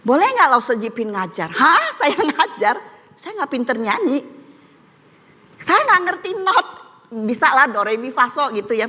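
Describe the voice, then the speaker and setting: A woman's voice: a little high, sharp tone. A middle-aged woman giving a casual church testimony, chatty and laughing often, with many "gitu ya" fillers. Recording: long hall reverb.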